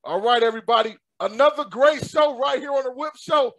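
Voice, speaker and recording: A man's voice: very high voice, fairly quick, a bit bright. A male podcast host chatting with a guest in a hyped, upbeat, slangy way, laughing often. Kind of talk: casual interview chat.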